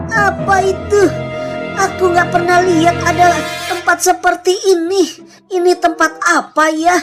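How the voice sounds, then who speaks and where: A woman's voice: very high-pitched, a bit bright. A woman narrating a game roleplay as a frightened girl searching for her friend, talking anxiously to herself and calling out over faint background music. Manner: anxious, talks to herself, calls out repeatedly.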